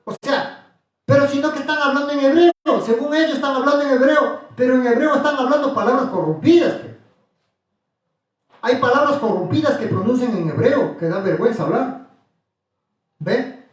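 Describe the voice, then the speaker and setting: High-voiced preacher in an echoey room. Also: male voice, expressive, normal speed, recorded from a distance. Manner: questioning, repetitive, insistent. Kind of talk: religious teaching to a small group.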